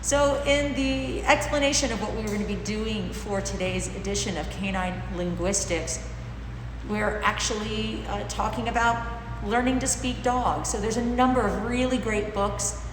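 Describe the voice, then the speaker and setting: A middle-aged woman teaching informally to camera, slightly muffled through a face mask, explaining things in a deliberate, emphatic way. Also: medium pitch. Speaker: dog trainer and class host. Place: large bare indoor training room with concrete-like floor. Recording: echoey hard-walled room, clear background noise.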